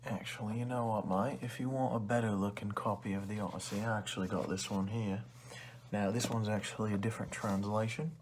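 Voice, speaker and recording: A man's voice: on the low side, fairly even intonation, fairly quick, background noise, natural voice. A man playing a rude, condescending librarian who sells used books, in an ASMR role-play with chummy but insulting salesman-like patter. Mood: casual, pitching. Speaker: ASMR performer.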